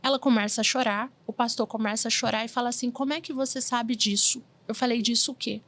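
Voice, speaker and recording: Woman in her 40s, interview guest, lively storyteller who acts out quotes, slightly high voice. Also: quick pace. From Brazil.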